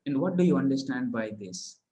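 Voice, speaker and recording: A man with an Indian English accent guides a client through a coaching call. His voice sits at a middling pitch and moves at an even pace. He speaks earnestly and instructively, stacking up repeated affirmations. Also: a little fast, low-quality recording. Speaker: mindset coach.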